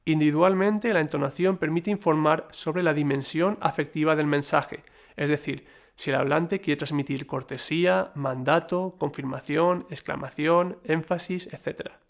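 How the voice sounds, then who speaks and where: A man reading a scripted lesson in a measured, explanatory way, with the odd slip and filler. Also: a little high, steady tone, gravelly. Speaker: lecturer. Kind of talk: scripted educational narration.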